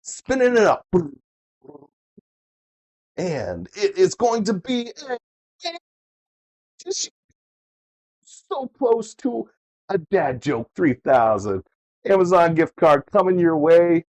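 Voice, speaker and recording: A man working as a bingo caller, hosting a live game with playful, excitable showmanship, repeating the numbers and chatting casually with players. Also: sits high, slow pace, long pauses. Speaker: bingo caller and host of a live online bingo night. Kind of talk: bingo caller, calling numbers twice amid casual chat.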